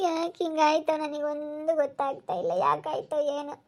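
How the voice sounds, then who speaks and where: A woman voicing a tearful, frightened young woman who speaks in slow, halting sobs with a rural Chitradurga Kannada accent. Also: high-pitched, little pitch movement, background noise. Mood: sobbing.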